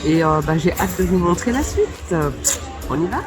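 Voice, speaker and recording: A woman's voice: on the low side, expressive, normal speed, over music. Chatty woman vlogging her trip. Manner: chatty, upbeat, talks straight to the camera. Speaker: travel vlogger. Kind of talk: casual travel vlog. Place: outdoors on a trip, at the airport, the hotel and on an excursion.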